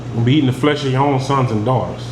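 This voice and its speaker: A man with a mid-range voice delivers rapid-fire scripture teaching, reading verses out and then unpacking them plainly and with emphasis. The preacher's room echoes, and an air conditioner hums throughout.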